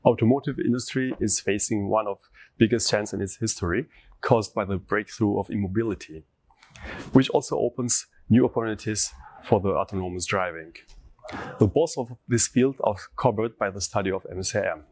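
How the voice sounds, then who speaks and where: A man's voice: fairly low pitch, fairly quick, a little mellow, slightly rough. A man in his forties from Kosovo, a master's student, speaking in a formal, careful way outdoors. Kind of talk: testimonial interview. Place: outdoor courtyard.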